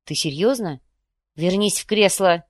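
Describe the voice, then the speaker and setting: A woman's voice: lowish voice, a little slow, no room sound, clean studio sound. A woman reading the part of a jealous, bitter husband, talking in an angry, clipped way.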